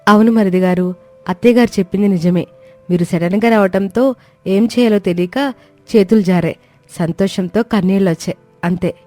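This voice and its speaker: A man doing a soft-spoken young daughter-in-law. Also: sits high, moderate pace, soft background music, voice pushed up, lightly acted. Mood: calm polite. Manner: soft, polite, composed. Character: gentle, quietly clever young daughter-in-law.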